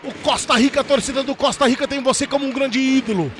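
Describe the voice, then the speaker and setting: Man, Brazilian accent, explosive goal commentary, very high voice, excited, dramatic, drawn-out shouts, light music bed. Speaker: football play-by-play commentator.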